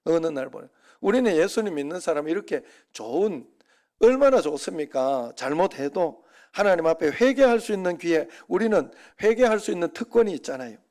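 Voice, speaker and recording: A man's voice: on the high side, animated, brisk, darkish tone. A middle-aged man preaching a Sunday sermon as pastor, conversational and full of rhetorical asides to the congregation.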